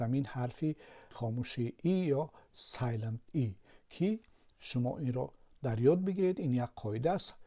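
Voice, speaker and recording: A man's voice: mid-range voice, dark tone. A man with a Tajik Persian accent, a language teacher patiently explaining a lesson with word examples.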